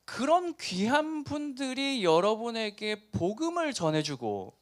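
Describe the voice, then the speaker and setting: A middle-aged pastor from Busan, speaking with a Busan dialect and preaching a lively youth sermon that acts out the story's characters. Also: male voice, very high voice, unhurried. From Busan, South Korea. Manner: animated storytelling, acting out characters.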